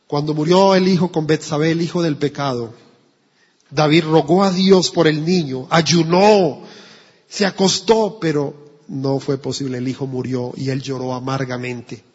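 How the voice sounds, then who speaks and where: A man's voice: on the high side, steady tone, measured pace, darkish tone, breathy edge. A man preaching an emphatic sermon in church, telling a story along the way. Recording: dull echoey church recording.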